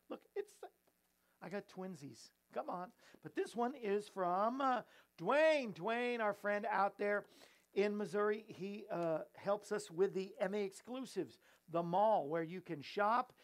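A man hosting a show in an easygoing, playful way, chatting and joking with his crew and viewers. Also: high voice. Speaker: host. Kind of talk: casual chat.

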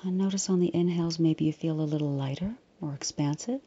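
This guided meditation is led by a woman whose low-pitched voice stays soft and breathy, frequently close to a whisper. Her delivery is calm, slow and reassuring, and the audio has a lo-fi quality.

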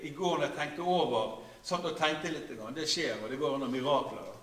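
An older man in his sixties, speaking, delivers a sermon in a chatty, halting way and often drops to a soft, low voice. His tone is bright and forceful. He sounds a little distant from the mic, in a room that echoes, with faint background noise. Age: 60s. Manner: conversational preaching with many hesitations, often dropping to a quiet low voice. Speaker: pastor.

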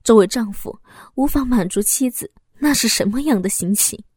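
A woman voicing a defeated, ashamed husband who speaks low, with sighs and halting pauses. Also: darkish tone, husky, dry recording, clean studio sound.

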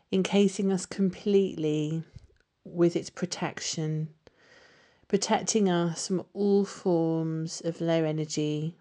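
A woman leading a guided meditation with soothing, unhurried instruction. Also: fairly low pitch, warm tone.

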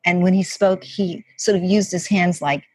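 A woman's voice: on the low side, fairly even intonation, moderate pace, breathy edge, dry recording. An older woman telling a story casually in an interview, chatty, with many "like" and "you know" fillers and acted-out quotes.

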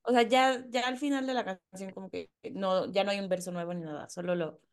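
A woman with a Mexican accent co-hosting a podcast, talking in an animated, slangy, emphatic way. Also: medium pitch, brisk. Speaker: podcast co-host. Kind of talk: casual chat.

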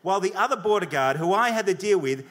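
A man telling a comic story on stage to a live audience, energetic and swearing, laughing along with his own punchlines. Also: high voice, fast talker. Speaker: comedy debater. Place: comedy venue before a live audience.

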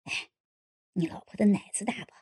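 A woman's voice: normal speed, heavily acted. A woman voicing a sly, lecherous man in his late sixties in an audiobook, coaxing and insinuating. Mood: hushed leering. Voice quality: low gravelly voice. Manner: coaxing, insinuating, sometimes hushed. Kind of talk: audiobook character voice.

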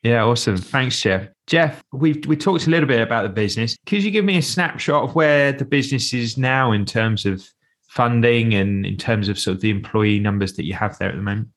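A man's voice: medium pitch, brisk. A man hosting a podcast, asking casual interview questions in a polite, informal and affirming way.

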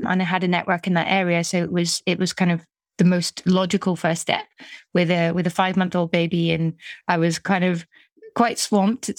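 A middle-aged British business coach from the UK chats casually in a conversational interview, often restarting her sentences. Her lowish voice is captured with clean studio sound and no echo.

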